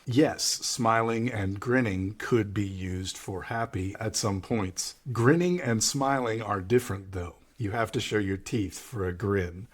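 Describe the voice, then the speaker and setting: A man with an American accent teaching English vocabulary, patiently explaining each word and repeating the key ones. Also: fairly low pitch. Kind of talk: vocabulary lesson.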